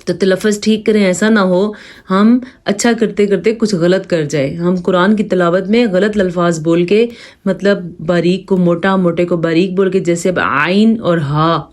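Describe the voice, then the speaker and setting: A woman with a Pakistani Urdu accent teaching tajweed, explaining rules patiently and reciting verses slowly to demonstrate. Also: lowish voice, steady tone, darkish tone. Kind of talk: step-by-step tajweed lesson with slow recitation examples.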